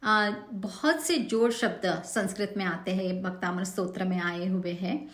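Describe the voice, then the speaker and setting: A woman gives a recorded lesson on reciting a devotional hymn, speaking slowly and patiently. She draws out each example syllable in a mid-pitched voice. The recording carries a noticeable room echo. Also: a bit bright. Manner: slow, patient, drawn-out example words. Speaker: teacher of Sanskrit hymn pronunciation.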